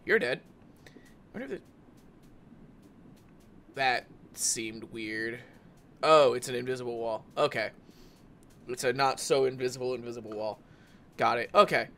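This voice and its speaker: A man's voice: mid-range voice, a little slow, pauses often, fairly bright tone, slight background noise. A man giving casual commentary while playing a game, yelping and swearing each time he gets hit. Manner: swears and yelps when hit. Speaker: let's play gamer. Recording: game music behind voice. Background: game music.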